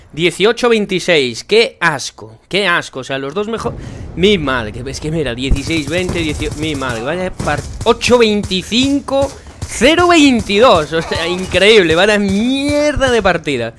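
A young man with a Spain Spanish accent comments on his game as he plays, in a fairly high voice. He is frustrated and sarcastic and swears freely, with loud gunfire and game sounds clearly heard behind him. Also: slight background noise. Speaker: gaming channel host. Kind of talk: live gameplay commentary.

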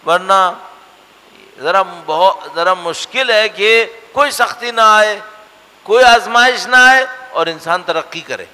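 A man giving a religious lecture, earnest, asking rhetorical questions and swinging between emphatic and hushed lines. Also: high voice, lively intonation, slow. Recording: long hall reverb.

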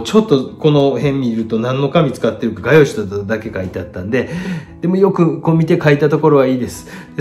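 Chatty middle-aged Kansai man critiquing art. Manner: chatty, lively swings in pitch and loudness, self-deprecating asides. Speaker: painter critiquing viewers' artworks.

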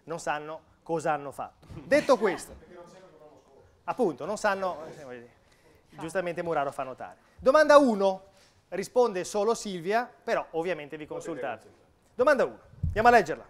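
A man's voice: sits high, sing-song, normal speed. A man hosting a live quiz show on a stage. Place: stage in a hall with seated audience.

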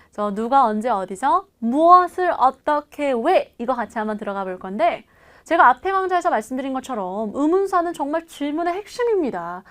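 A woman teaching a language lesson in a lively, coaxing way, repeating phrases for learners to follow. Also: high-pitched, fairly quick. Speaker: English teacher. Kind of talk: video lesson.

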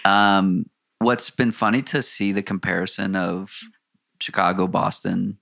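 A woman's voice: extremely low pitch, steady tone, a little slow, vocal fry, a bit bright. A woman hosting a podcast, chatting casually and laughing often as she tells stories. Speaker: podcast host. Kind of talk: casual interview chat.

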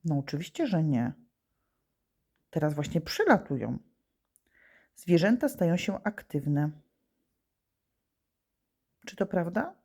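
A woman's voice: deep voice, big pitch swings, slow, long pauses, darkish tone, husky. A female teacher giving a lesson to young pupils, patiently asking questions and answering them herself. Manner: patient, asks and answers her own questions. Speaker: primary school teacher. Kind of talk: remote lesson for children.

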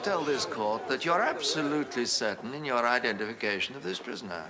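A man plays a cunning period-drama barrister who needles a witness with elaborate courtesy. His questions swing from soft politeness to loud, lively demands. A courtroom crowd murmurs behind him. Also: mid-range voice, brisk, lightly acted. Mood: probing. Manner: probing, mock-polite, rising to loud demands. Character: shrewd theatrical male defense barrister. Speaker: defense barrister. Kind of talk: period film acting.

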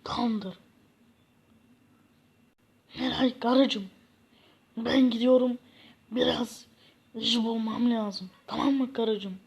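A gloomy poor man who sighs and moans about his lot, voiced by a woman, talking slowly in a husky, fairly high voice. He drags his words out in a whiny drone. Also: steady tone, a little mellow, heavily acted. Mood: gloomy complaining.

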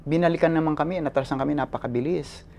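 A male photojournalist giving an animated personal account in an interview, switching between languages and often adding "no?" tags. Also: on the high side, quick pace, gravelly, a little hiss or hum. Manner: animated retelling, code-switching, frequent "no?" tags.

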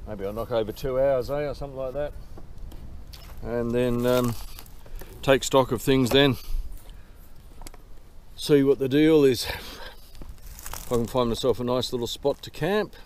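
A man's voice: mid-range voice, fairly even intonation, a little slow, pauses often, a little mellow. Older man with a broad Kiwi accent. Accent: broad New Zealand. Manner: laid-back, dry humour, casual swearing. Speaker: solo bicycle touring vlogger. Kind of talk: casual rambling vlog. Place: outdoors in open bushland. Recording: outdoor noise with insects.

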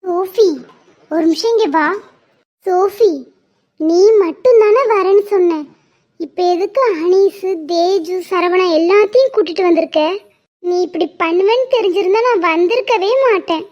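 Woman as a high-voiced reproachful young woman. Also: moderate pace, a little mellow, dull audio.

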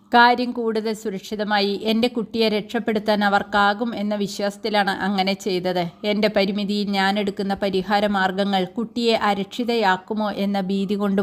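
A woman reading a literary short story aloud in a measured first-person narration. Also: mid-range voice. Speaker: story reader.

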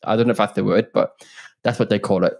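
Fast, creaky and slightly mellow, his fairly low voice holds a fairly even intonation. He's a Northern Irish man in his thirties with a blended Northern Irish, Scottish and English accent, a podcast guest speaking earnestly and openly with frequent restarts in a casual interview. The setting is a home room with bookshelves, with a studio mic on a boom arm and headphones.

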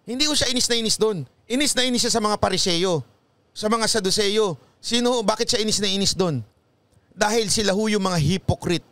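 High-pitched and brisk, with no room sound, the voice belongs to a Filipino pastor from the Philippines. Loud music plays behind him as he gives emphatic, preachy talk-show commentary in a Filipino accent, punctuating lines with "ha?".

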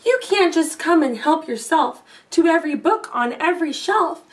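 Plucky storybook girl, high-pitched, firm and stern, standing her ground, as a woman reads her. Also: expressive, normal speed, distant mic. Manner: firm, scolding. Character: brave, determined young girl.

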